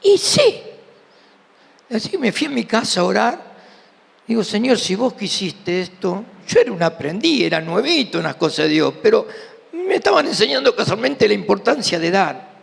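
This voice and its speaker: A man's voice: high voice, normal speed, creaky, slightly rough. A middle-aged man with an Argentine Rioplatense accent preaching a sermon, telling a personal testimony and acting out the dialogue. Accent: Argentine Rioplatense Spanish. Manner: animated storyteller, acting out dialogue. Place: church hall. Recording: reverberant church hall.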